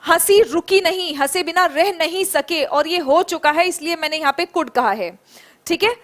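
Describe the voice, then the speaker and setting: A woman teaching a live online spoken English class, praising students by name and drilling phrases slowly. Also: extremely high pitch, a bit bright. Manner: encouraging, calls students by name and praises them.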